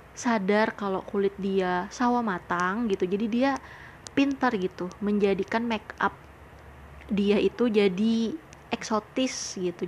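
A woman's voice: mid-range voice, darkish tone, slight background noise. A young woman hosting a podcast, telling a personal story in a casual, chatty way, full of fillers and retold conversations, earnest and grateful. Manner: chatty, leans on frequent fillers and retells conversations. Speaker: podcast host.

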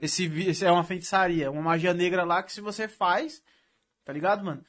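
A young man with a Brazilian Portuguese accent from São Paulo chats casually at a rapid clip. His voice sits high for a man. His talk is full of street slang and swearing. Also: steady tone, fairly bright tone. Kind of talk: casual chat.

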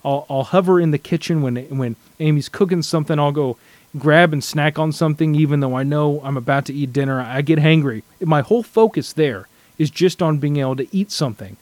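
A man's voice: fairly high pitch, fairly quick, darkish tone, no room sound. Earnest man reflecting on scripture. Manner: earnest, reflective, frequent restarts. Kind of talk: casual scripture study chat.

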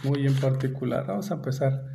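Gravelly man with a San Luis Potosí accent. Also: medium pitch, brisk, a little hiss or hum. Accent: San Luis Potosí Mexican Spanish. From San Luis Potosí, Mexico. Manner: relaxed, joking, slangy. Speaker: podcast co-host. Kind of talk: casual podcast chat.

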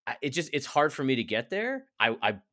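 A man's voice: medium pitch, big pitch swings, fairly quick, a bit bright. A man co-hosting a casual sports podcast, rambling and full of "like" fillers. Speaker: podcast co-host.

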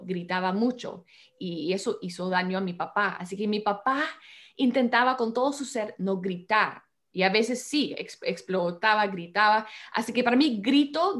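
A woman chatting earnestly with a partner, haltingly with many restarts. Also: on the high side. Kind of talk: casual chat about marriage.

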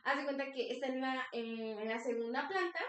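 Animated Mexican woman telling a story. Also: sits high, a little fast. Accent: Mexican Spanish. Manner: animated, acts out voices, frequent "te lo juro". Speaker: podcast co-host. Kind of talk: casual storytelling chat. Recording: roomy, distant mic.

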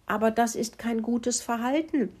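A woman's voice: on the high side, normal speed, darkish tone, husky, pitched above the performer's own voice. A woman voicing a bossy little female mouse who lectures in a storybook reading. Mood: lecturing. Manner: lecturing, explaining.

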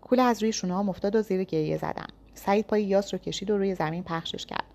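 A woman's voice: medium pitch, gravelly, a little mellow. Woman narrating a tense thriller. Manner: tense, dramatic storytelling. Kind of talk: first-person thriller audiobook narration.

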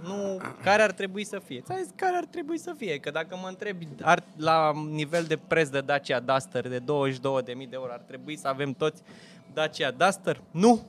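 A man in casual chat, arguing his point emphatically, with a rough, blunt way of addressing his friend. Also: on the high side, fairly even intonation, fairly bright tone, slight background noise. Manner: emphatic, argumentative, calls people "bă" and "mă".

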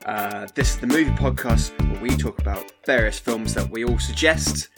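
A man hosting a film podcast in a relaxed, joking way, with frequent fillers and restarts. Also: mid-range voice, normal speed, creaky, over loud music. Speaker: podcast host. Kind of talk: casual podcast chat.

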